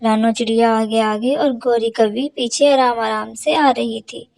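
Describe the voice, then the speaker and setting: High-voiced woman narrating a cartoon. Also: steady tone, normal speed, vocal fry, a little mellow. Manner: dramatic, moralizing storyteller.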